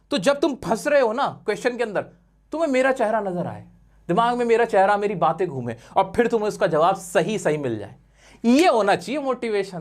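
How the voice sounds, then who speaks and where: A man teaching an exam lesson in an animated, coaxing way, full of rhetorical questions and playful teasing. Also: high-pitched. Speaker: English teacher. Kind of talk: classroom-style exam lesson.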